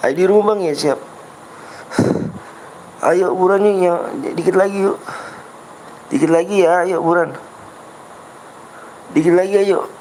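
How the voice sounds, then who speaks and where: Fairly high-voiced casual streamer man. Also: steady tone, measured pace, pauses often, darkish tone, a little hiss or hum, low-quality recording. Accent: Jakarta Betawi slang. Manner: patient, reads chat, repeats himself coaxingly. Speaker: game livestream host. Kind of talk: casual livestream chat.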